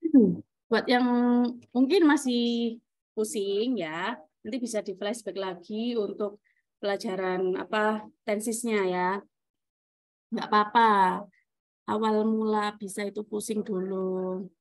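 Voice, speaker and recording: A woman's voice: medium pitch, takes it slowly, pauses often, no echo. A woman teaching an English grammar class over a video call, chatty, laughing often and answering her own questions. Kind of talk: online class explaining grammar.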